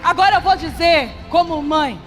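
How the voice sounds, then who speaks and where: A woman pastor preaching a sermon with passion, rising to shouts at its peaks. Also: extremely high pitch, lively intonation, normal speed, a faint crowd. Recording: echoey church hall with music behind.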